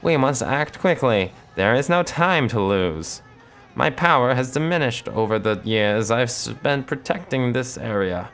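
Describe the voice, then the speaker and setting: A man voicing an ancient female wood sprite in a game story, using a high falsetto with a solemn manner. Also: expressive, measured pace, fairly bright tone.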